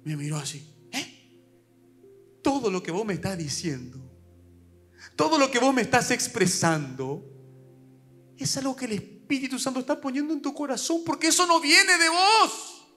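Paraguayan man preaching a sermon, high voice, loud urgent calls then hushed asides, faint music underneath. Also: very animated, moderate pace, pauses often. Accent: Paraguayan Spanish. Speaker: pastor. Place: church service.

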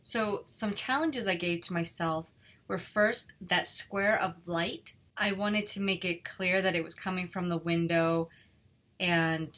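A woman illustrator reading a fairy tale aloud and chatting casually about her drawing, relaxed and self-critical. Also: lowish voice. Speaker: illustrator and channel host. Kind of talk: storybook reading and casual art commentary.

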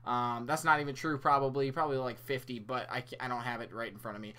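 A young man giving an excited, breathless post-race review for his channel, exclaiming and restarting his sentences as he catches his breath. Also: medium pitch, fast talker. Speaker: YouTube motorsport reviewer.

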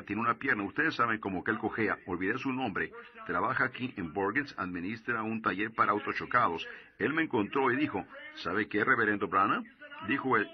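Low-voiced man preaching on dull recording. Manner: storytelling preaching, slows for emphatic warnings. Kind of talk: sermon in Spanish voice-over.

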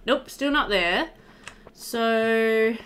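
Speaking very slowly, this young adult woman gaming host keeps up a chatty let's play commentary, reading in-game dialogue with a playful flair. Her pitch is fairly high and her tone fairly bright, with game music and a little background noise behind her.

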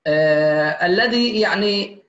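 A man teaching a Quran recitation class online, patiently calling his students dear ones and slowly modelling examples. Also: high voice, fairly bright tone, echoey room, muffled recording. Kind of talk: online tajweed lesson.

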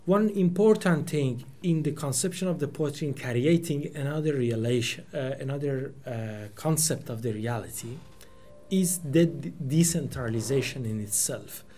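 A man in his forties from Iran, whose first language is Persian, gives a reflective lecture into a table microphone in a small meeting room. Thoughtful and searching for words, he often restarts phrases and uses many fillers. His mid-range voice has a dark tone at a normal speed.

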